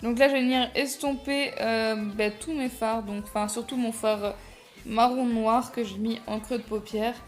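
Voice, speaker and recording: A young woman narrates her makeup tutorial in a casual, rambling way, laughing at herself and stumbling over her words. Her voice sits a little high. Soft music runs quietly underneath. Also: steady tone, moderate pace. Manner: chatty, self-deprecating, many fillers and restarts. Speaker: makeup vlogger.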